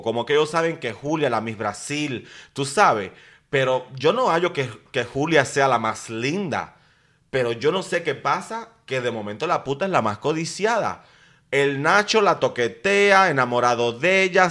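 A man's voice: mid-range voice, a bit bright. A man, hosting a podcast and gossiping about a reality show in a chatty, dramatic way, full of slang. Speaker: podcast host. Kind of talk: casual gossip commentary.

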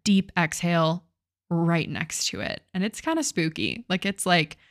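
Casting: young woman, lowish voice, loose chatty podcast host, swears, dry booth sound. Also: big pitch swings, measured pace, no echo. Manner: casual, swears, many "like" fillers. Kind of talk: casual storytelling chat.

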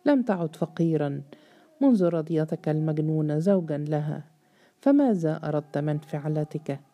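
A woman's voice: low-pitched, lively intonation, moderate pace. Woman voicing a raging, sneering male overseer. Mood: enraged. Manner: shouting insults, sneering interrogation. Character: furious arrogant male estate overseer, contemptuous.

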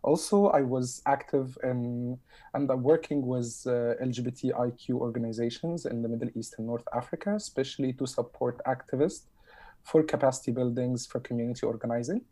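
An Egyptian speaker, whose first language is Arabic, talks with an Egyptian Arabic accent in a medium-pitched, brisk, dark-toned voice. As a guest at a roundtable in a casual discussion, they sound hesitant, using many fillers, and bring a dry, sarcastic humor.

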